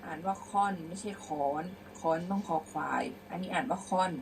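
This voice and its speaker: A woman's voice: lowish voice, fairly even intonation, fast, far from the mic, slight background noise, low-quality recording. A young adult woman teacher giving an online lesson, reading verse aloud and patiently explaining pronunciation word by word. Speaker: schoolteacher.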